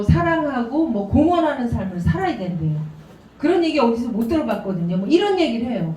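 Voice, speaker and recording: Animated woman telling stories at a seminar. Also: sits high, a little hiss or hum. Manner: animated, storytelling, laughing asides. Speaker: seminar speaker. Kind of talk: business presentation. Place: seminar room. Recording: echoey room, distant mic.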